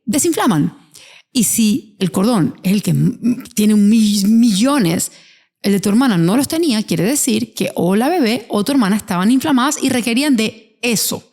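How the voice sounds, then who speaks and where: A woman hosting an interview, telling a family story in a lively, animated way. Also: a little high, normal speed. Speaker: host. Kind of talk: conversational interview.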